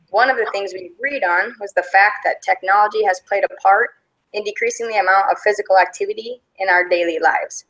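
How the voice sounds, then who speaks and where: A woman's voice: medium pitch, rough recording. Woman in her twenties reading a class presentation. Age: 20s. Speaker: student presenter.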